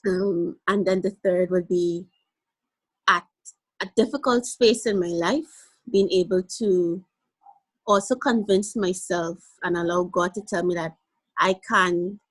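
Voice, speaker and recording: Speaking a little slowly in a voice on the low side, a young Guyanese woman with a mixed Guyanese-Caribbean accent chats playfully as an interview guest, lively and laughing easily. The recording is poor.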